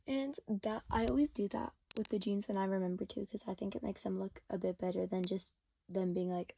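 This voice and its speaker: A woman's voice: medium pitch, mellow. Hesitant teen girl narrating her drawing. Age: teens. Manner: hesitant, many fillers like "like" and "um". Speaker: vlogger. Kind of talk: casual voice-over narration. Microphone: no external mic.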